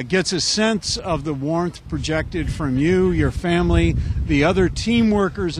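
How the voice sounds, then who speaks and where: A man interviewing and commentating at an outdoor event, speaking in effusive, wordy, formal phrases. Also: on the high side. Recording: noisy outdoor recording with crowd. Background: crowd and outdoor noise.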